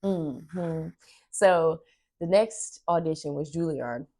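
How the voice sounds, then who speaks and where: A young woman vlogging in a casual storytelling way, her voice sitting low. She is chatty and keeps acting out what people said to her. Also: slow, dark tone. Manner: chatty, retells dialogue with "I was like".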